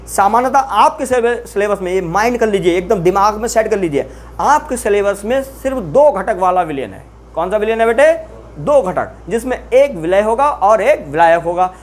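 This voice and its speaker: A chemistry teacher talks through a lesson in a steady classroom manner. The teacher keeps asking the students questions and answering them, and repeats new terms slowly so they stick. There is a faint hiss behind the voice. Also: mid-range voice. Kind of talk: classroom lecture.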